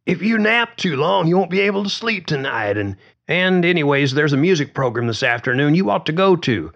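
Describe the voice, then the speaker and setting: A man voicing a breathy female caregiver whose voice is sweet and gritty at once and smoky, coaxing an old woman. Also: fairly high pitch, sing-song, fairly quick, a bit bright, pitched above the performer's own voice, heavily acted. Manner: coaxing, fussing. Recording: dull lo-fi recording.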